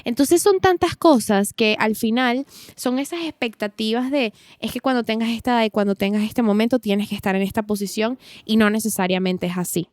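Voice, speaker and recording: A woman's voice: on the high side, a little fast, darkish tone, dry recording, studio quality. A woman in her twenties co-hosting a podcast, talking in long reflective runs in casual chat. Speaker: podcast co-host.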